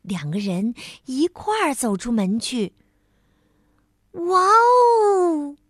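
A woman storyteller slowly and expressively narrating a children's story on a close mic. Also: mid-range voice, slightly rough, dry recording. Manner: slow, expressive, warm storyteller tone.

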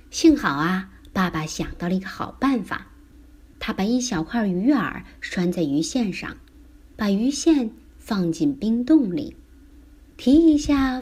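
Slow, expressive woman reading a children's story. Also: on the high side, breathy edge. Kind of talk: reading a picture book aloud to children.

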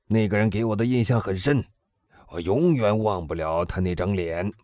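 A man voicing an excitable middle-aged prison inspector, talking loudly and eagerly in an audiobook. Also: fairly low pitch, normal speed, no echo, studio quality, pitched above the performer's own voice, lightly acted. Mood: talkative. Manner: loud, eager, exclaiming. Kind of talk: audiobook dialogue reading.

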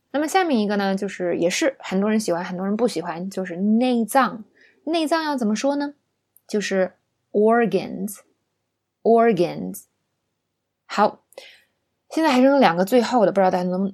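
A woman teaching English vocabulary in a chatty, casual lesson, saying each word slowly so listeners can repeat it. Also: medium pitch, a little mellow. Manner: chatty, drills words slowly for repetition.

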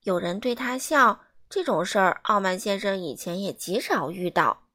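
A woman reading a children's storybook aloud in an animated way, asking the listeners questions. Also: medium pitch, normal speed.

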